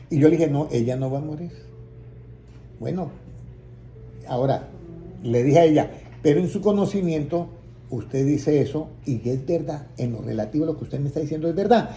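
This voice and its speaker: Dark-voiced man preaching a testimony. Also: a little high, a little hiss or hum. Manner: storytelling, acting out quoted voices, rising to emphatic peaks. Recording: roomy echo, faint ambience.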